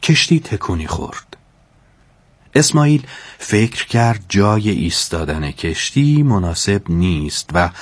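A male storyteller reads a children's tale aloud. His voice sits low and his delivery is calm and measured, slowing down with dramatic pauses at tense moments. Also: no echo. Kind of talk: storybook narration.

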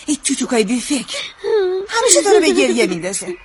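A woman voicing a gentle, comforting older sister in a cartoon dub, soothing and tender. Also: fairly high pitch, very animated. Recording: crowd noise behind.

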